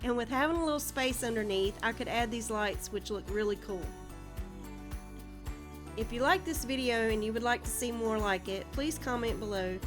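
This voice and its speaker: With music in the background, a Southern DIY channel host narrates her home project in a friendly, step-by-step instructional voice-over. Her voice is a little high and her pace is moderate.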